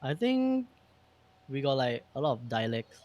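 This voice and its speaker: A man's voice: medium pitch, sing-song, a little slow, darkish tone, no room sound, muffled recording. A man from Singapore chats casually as a guest, in a hesitant, self-deprecating, informal way. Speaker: guest in the chat. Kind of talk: casual chat.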